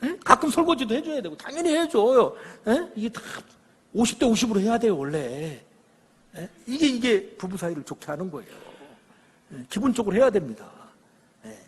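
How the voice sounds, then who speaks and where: Animated, husky man lecturing in a church. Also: sits high, fairly quick, big-room sound. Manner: animated storytelling, acting out quoted lines, checking with the audience. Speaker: lecturer on parenting. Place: church hall.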